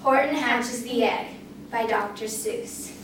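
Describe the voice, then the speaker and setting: A woman narrating a rhymed children's story at a speech competition, expressive and sing-song. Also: a little high, slow pace. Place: competition room. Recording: echoey room, mic far off, faint noise.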